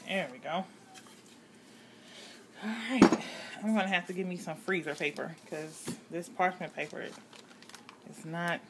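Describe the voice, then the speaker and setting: Woman, fairly low voice, very slow unhurried delivery, casual craft demo, noisy home recording. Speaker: host, handmade soap maker. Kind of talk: casual hands-on craft demonstration. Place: home kitchen or craft counter, indoors.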